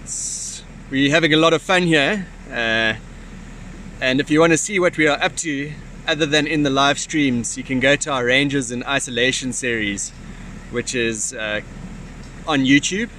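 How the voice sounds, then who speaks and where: A man's voice: mid-range voice, normal speed, bright, forceful tone. A man chats casually and appreciatively to livestream viewers, with hesitant phrasing. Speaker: livestream co-host behind the camera. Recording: faint vehicle and outdoor noise, phone.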